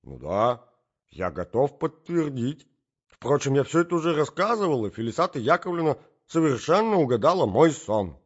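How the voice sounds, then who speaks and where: A man's voice: a little high, very animated, normal speed, voice pushed up. A man voicing a befuddled elderly prince who agrees vaguely and loses his thread, in a dull lo-fi recording. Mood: confused.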